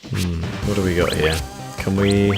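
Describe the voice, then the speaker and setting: A man's voice: sits low, level tone, moderate pace, over music. A man giving casual let's play commentary over a video game. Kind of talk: casual game commentary, reading game dialogue aloud.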